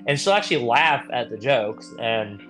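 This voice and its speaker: With a mid-range, animated, fairly bright voice at a moderate pace, a young man co-hosts a podcast in casual conversation. He tells rambling tales, drops the odd swear word, and soft music plays behind him.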